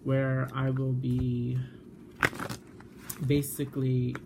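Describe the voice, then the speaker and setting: A tarot reader in a middle pitch explains a card spread in a loose, chatty way. The talk is full of fillers and self-corrections. A faint hiss runs underneath. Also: monotone, very slow. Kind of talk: casual tarot reading to camera.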